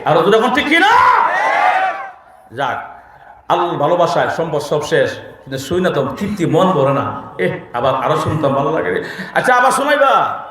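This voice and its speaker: Echoey preacher with a fiery delivery. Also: male voice, fairly high pitch, normal speed, long pauses, a little hiss or hum. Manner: animated storytelling, sudden shouts and sung phrases, calls for crowd response. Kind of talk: Bangla waz sermon with chanted recitation. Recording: very echoey loudspeaker hall.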